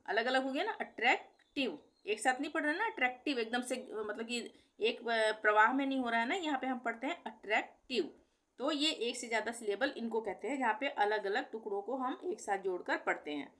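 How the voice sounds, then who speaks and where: Speaking a little fast, this middle-aged language teacher has a fairly bright voice on the high side. In her explanatory pronunciation lesson, she patiently goes over example words again and again and answers the questions she raises herself.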